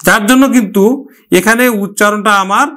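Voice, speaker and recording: Male teacher with a high voice, patient and step-by-step, who drills example words through repetition. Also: pushed and bright. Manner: explains slowly, repeats example words. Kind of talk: pronunciation lesson.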